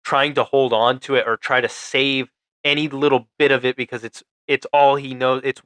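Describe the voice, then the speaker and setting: A male podcast co-host talking through a film in a loose, enthusiastic, rambling way. His voice is clean and resonant, sitting at an ordinary pitch for a man. It is recorded close and dry, with no room sound. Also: level tone, normal speed, sharp tone, no room sound. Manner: enthusiastic, rambling, laughs easily. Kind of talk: casual movie review chat.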